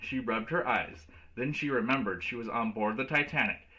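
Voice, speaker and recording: A man reading a children's storybook aloud as a teacher, in a clear storytelling delivery. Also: medium pitch, moderate pace, pushed and bright, poor audio.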